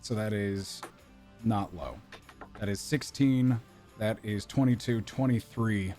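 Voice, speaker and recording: A man's voice: fairly low pitch, slow pace, mellow, soft background music. A man narrating as game master in a tabletop role-playing game, describing combat in a casual, joking way.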